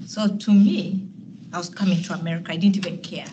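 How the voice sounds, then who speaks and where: A woman from Kenya, a nurse telling her story on a panel in a relaxed, self-deprecating way. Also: fairly low pitch, brisk. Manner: laid-back, self-deprecating, many ums. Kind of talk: personal storytelling. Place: meeting room, seated at a long table. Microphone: far room camera. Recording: distant mic with room noise.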